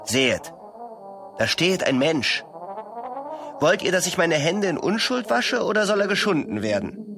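A man's voice: high voice, sing-song, a little slow, gravelly, long pauses, over music, voice pushed up, exaggerated voice. A man voicing the Devil, who acts as a theatrical, mocking defense lawyer.

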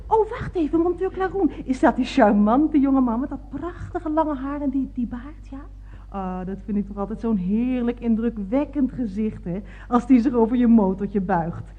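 A woman's voice: fairly high pitch, moderate pace, phone-quality sound, lightly acted. An actress playing a scatterbrained, chatty woman motorist rambling on the phone in a radio comedy. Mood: chattering. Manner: gushing, giggly, rambling.

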